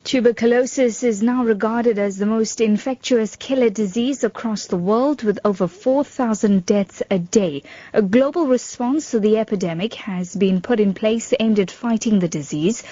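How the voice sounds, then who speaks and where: A woman's voice: on the high side, normal speed, mellow, no room sound, lo-fi sound. A South African woman presenting a scripted radio news bulletin. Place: radio studio.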